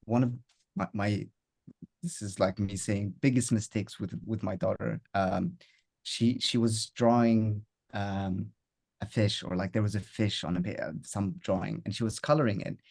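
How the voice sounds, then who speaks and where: A father speaking as a podcast guest, earnest and thoughtful, often pausing and restarting his sentences. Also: on the low side, steady tone, vocal fry, darkish tone. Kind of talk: reflective podcast conversation.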